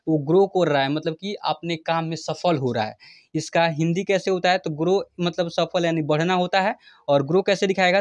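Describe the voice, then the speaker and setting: A man teaches a lesson, stretching words out as he spells them letter by letter. He keeps asking his students questions and answers them himself. The sound is dry and close, with no room echo. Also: on the high side. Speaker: English teacher on a video channel. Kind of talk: spoken lesson.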